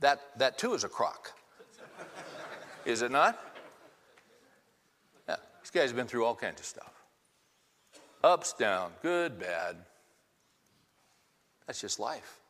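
A pastor in his fifties delivers a sermon in a mid-range voice, very animated but slow and full of pauses, with a slightly bright tone. He speaks conversationally and keeps putting rhetorical questions to his congregation. The church hall's long reverb carries his words, and there is slight background noise.

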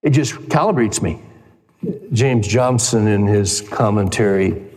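A male pastor delivering an emphatic sermon, his voice climbing high when he stresses a point. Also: measured pace, a little mellow. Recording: long reverb of a large hall.

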